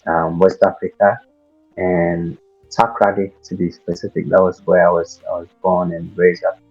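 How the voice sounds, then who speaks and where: A man's voice: low-pitched, little pitch movement, normal speed, breathy edge, lo-fi sound, faint music behind. A man in his twenties from Ghana with a Ghanaian accent, a guest telling his story with many fillers and restarts. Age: 20s. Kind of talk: casual interview.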